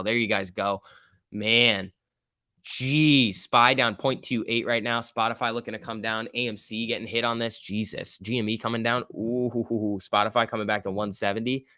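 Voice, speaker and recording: A man's voice: fairly low pitch, bright, forceful tone, no room sound, studio quality. A man giving casual live market commentary as a stock trading streamer, reading out chat in slangy, repetitive bursts. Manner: informal slangy muttering to himself, repeats words.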